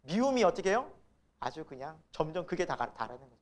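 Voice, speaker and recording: A male pastor preaches in an animated way, and his pitch rises and falls a great deal. He acts out the people in his story and laughs along the way, and his voice carries through a church sanctuary. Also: fast. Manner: animated, acts out the quoted characters, laughs often. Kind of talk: sermon.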